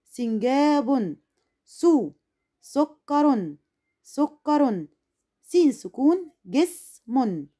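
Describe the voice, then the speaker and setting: A woman with an Egyptian Arabic accent teaching first graders letter sounds, stretching syllables slowly and praising the pupils. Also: on the high side, dark tone. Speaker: primary school teacher. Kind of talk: first-grade phonics lesson.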